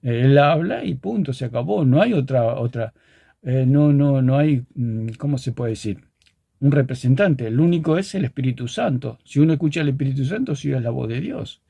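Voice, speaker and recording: A man's voice: medium pitch, animated, moderate pace, creaky, warm tone, slightly rough, dry recording. A man preaching a teaching sermon, earnest, restarting and repeating words as he explains with plain everyday examples.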